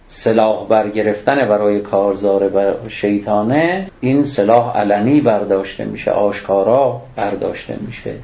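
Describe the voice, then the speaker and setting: Man, religious lecturer, gravelly low voice, rhetorical questions, echoey dull recording. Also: warm tone. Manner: explanatory, poses and answers rhetorical questions; recites Arabic phrases, then explains them in plain speech. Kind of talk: lecture on scripture.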